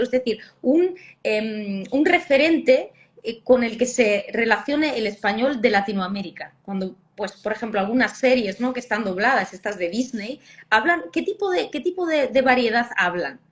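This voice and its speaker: A woman's voice: on the high side, fairly bright tone. A woman with a Spanish accent from Spain, a guest philologist explaining language patiently with frequent hesitation sounds. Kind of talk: explanatory interview talk.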